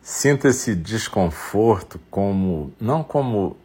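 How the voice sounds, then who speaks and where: Very deep, husky Brazilian man guiding meditation. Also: animated, a little mellow. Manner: unhurried instruction in short phrases with long pauses. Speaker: meditation guide. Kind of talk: guided meditation.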